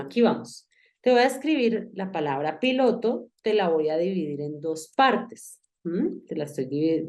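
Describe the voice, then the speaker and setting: A woman who teaches English guides a single student through pronunciation step by step in an online class with a whiteboard. Her mid-range voice is mellow, and she is patient, spelling out each step for her one learner.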